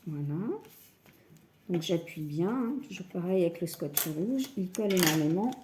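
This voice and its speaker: Woman, crafting tutorial, mellow voice, calm step-by-step, faint background hiss. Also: lowish voice, moderate pace. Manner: calm step-by-step, often says "voilà". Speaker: scrapbooking crafter.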